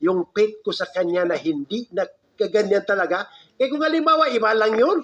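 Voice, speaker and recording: High-voiced man giving an animated lecture. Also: a little fast. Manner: animated storyteller, voice rises high for the punchlines. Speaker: preacher. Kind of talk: Islamic lecture with storytelling. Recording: dull lo-fi recording.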